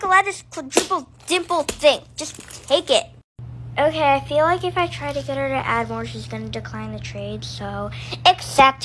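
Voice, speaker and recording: A woman narrating and acting out a comic fidget trading skit, excitable and speaking to her viewers. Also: sits high, a little hiss or hum. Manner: excitable, gasping, addresses viewers. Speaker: skit creator.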